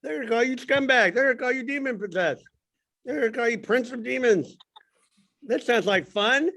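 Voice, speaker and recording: A man's voice: extremely high pitch, a little fast, creaky, sharp tone. A man leading a Sunday school class in casual, rambling talk, joking and restarting his sentences. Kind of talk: casual Bible class teaching.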